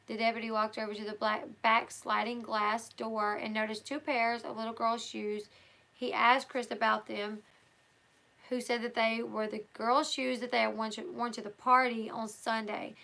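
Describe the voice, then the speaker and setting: Chatting casually with her viewers as she reads a book aloud, this livestream host talks loosely, with fillers and restarts. Her voice is hoarse, a little high and bright, with a forceful tone.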